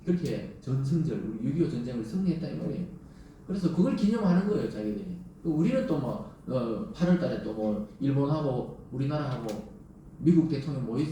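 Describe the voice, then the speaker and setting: Animated pastor in an echoey church. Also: male voice, mid-range voice, a little hiss or hum. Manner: asks the congregation rhetorical questions and acts out quoted lines. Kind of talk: sermon. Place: church sanctuary. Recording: very echoey hall, mic at a distance.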